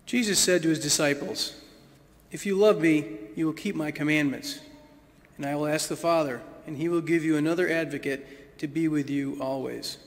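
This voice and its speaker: A man reading the gospel at a church service in a measured, solemn way, his voice ringing with a cathedral echo. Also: fairly high pitch. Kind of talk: liturgical scripture reading. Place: large church. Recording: echoey church heard from a distance.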